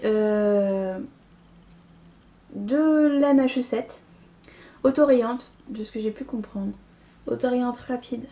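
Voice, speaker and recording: A woman's voice: fairly high pitch, mellow. A young woman hosting a knitting podcast, chatting casually about yarn she received, with frequent fillers and little laughs. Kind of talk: casual chat showing yarn haul.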